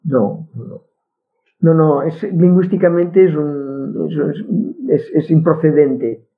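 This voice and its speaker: A woman whose first language is Catalan speaks with a Catalan accent as a guest linguist in a casual conversation. Her voice is low and slow, her manner firm and opinionated, and she often restarts words. The line sounds tinny, like a phone.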